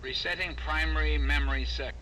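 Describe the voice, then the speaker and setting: An actor playing a malfunctioning male supercomputer leader in a video game, speaking in a formal, measured way as the machine glitches through a logic error. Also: on the high side, steady tone, a bit bright, a little hiss or hum, close to an everyday voice, rough recording. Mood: glitching.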